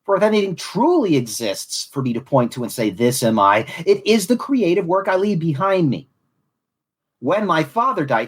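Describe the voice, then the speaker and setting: A man's voice: fairly high pitch, husky. A man from Southwest Florida hosting a podcast in a reflective monologue, with a mid-Atlantic accent that slides toward Southern and elaborate, formal phrasing. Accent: mid-Atlantic, shifting toward Southern. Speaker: podcast host.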